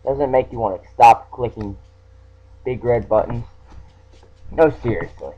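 A let's play gamer reads a game's text aloud in a playful, teasing way, adding mock-sinister touches as he casually plays. His voice is medium-pitched and a little slow, with a breathy edge. The recording sounds like dull lo-fi home audio.

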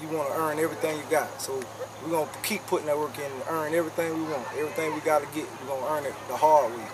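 Outdoors at night after a game, a young youth football coach talks rapid-fire in a fairly high voice with fairly even intonation. The mic is distant with a crowd in the background, and he keeps repeating words and tossing in "man".

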